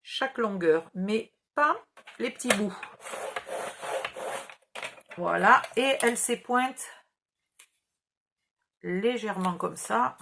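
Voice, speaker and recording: Woman, southern French accent, craft tutorial host, chatty and patient, medium pitch. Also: lively intonation, slow, vocal fry, long pauses, bright, forceful tone, slight background noise. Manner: chatty, patient, explains each gesture. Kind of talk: step-by-step craft instructions.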